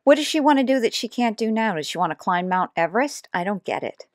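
A woman's voice: mid-range voice, expressive, quick pace, no echo. Woman commentator, sarcastic reaction host, dry close sound. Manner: sarcastic, mocking asides. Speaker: YouTube commentator.

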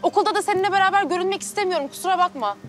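An actress playing a defiant, sharp-tongued young woman arguing with her father in a TV drama. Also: very high-pitched, racing, soft background music. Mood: firm. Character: defiant young married daughter, proud and stubborn. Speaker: daughter. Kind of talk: TV drama acting.

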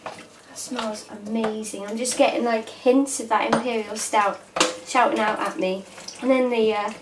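A woman's voice: a little high, fairly even intonation, measured pace. Chatty woman cooking at home. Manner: chatty, talks while working. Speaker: cooking vlogger. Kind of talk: casual cooking demonstration. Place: home kitchen, indoors. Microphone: camera mic from across the room. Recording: echoey kitchen, distant mic, noisy. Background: clatter of pots and cutlery.

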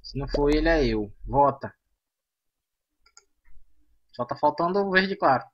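A man hosting a gaming channel, chatting excitedly to himself and his viewers over gameplay. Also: fairly high pitch, measured pace, lo-fi sound. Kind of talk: casual gameplay commentary.

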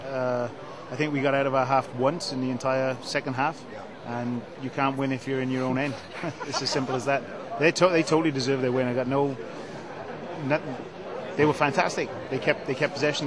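Middle-aged coach, blunt and pretty monotone about the loss, crowd noise around. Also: male voice, medium pitch, brisk. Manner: frank, matter-of-fact. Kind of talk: post-match interview. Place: outdoor stadium, post-match.

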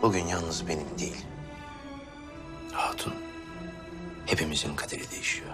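A man's voice: extremely low pitch, fairly even intonation, moderate pace. A middle-aged man acting as a proud, brooding Ottoman pasha in a period drama. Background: loud music.

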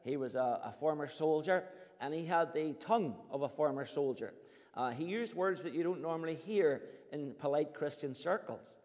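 High-voiced preacher in a hall. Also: male voice, moderate pace, darkish tone. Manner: storytelling with anecdotes, rising to emphatic preaching. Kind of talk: sermon. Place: church hall. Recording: long reverb of a church hall.

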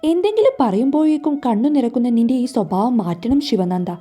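A woman's voice: a little high, big pitch swings, brisk, mellow, soft background music. A woman reading a stern, bossy young husband. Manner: curt, bossy orders.

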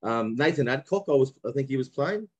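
A man's voice: medium pitch, a little fast, breathy edge, dull audio. A young adult man from Brisbane with an Australian accent, chatting casually as a podcast guest and telling stories with friendly slang and plenty of restarts. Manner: relaxed storytelling with mateship slang and many restarts. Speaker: guest, former professional cricketer.

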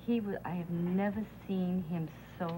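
A woman's voice: fairly low pitch, steady tone, moderate pace, background noise. A fisherman's wife earnestly recalling the days she waited for news of her husband's boat, speaking at home. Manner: earnest recollection. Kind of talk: reminiscing interview.

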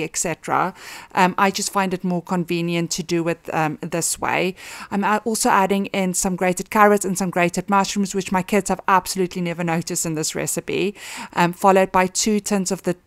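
A woman in her thirties talking through a home cooking routine in a relaxed, chatty way, with frequent ums. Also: fairly low pitch, no room sound, clean studio sound. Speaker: cooking vlogger. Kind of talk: casual voice-over narration of cooking steps.

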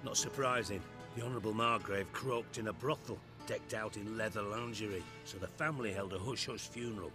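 An actor playing a gruff middle-aged spymaster, brusque, sarcastic and commanding. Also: male voice, on the low side, a little fast, few pauses, over music, close to an everyday voice. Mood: brusque, scornful.

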